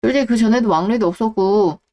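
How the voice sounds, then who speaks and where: A woman's voice: on the high side, fast talker, dark tone, close to an everyday voice. A woman voicing a callous, selfish middle-aged husband who talks scornfully and dismissively. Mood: contemptuous. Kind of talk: Korean audio drama reading.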